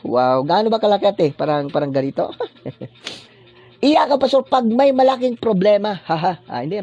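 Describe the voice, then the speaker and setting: A man's voice: sits high, darkish tone, dull audio. A male pastor giving a livestreamed sermon, dropping a tag question after phrases in a preacherly cadence. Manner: blessing-decree cadence, preacherly.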